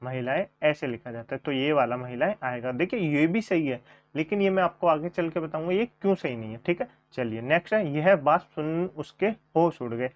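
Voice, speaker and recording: Man teaching a coaching class, slightly high voice, dull lo-fi recording, repeats each question and answer. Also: expressive, normal speed. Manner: repeats questions and answers, addresses viewers as friends. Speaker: Hindi grammar teacher. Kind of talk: online coaching class lesson. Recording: dull lo-fi sound.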